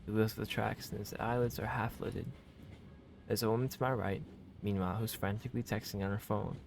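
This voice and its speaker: His lowish voice is steady in tone, brisk and creaky, with slight background noise. This let's player reads a visual novel aloud and reacts in a casual way, using slang, effusive comments and swear words.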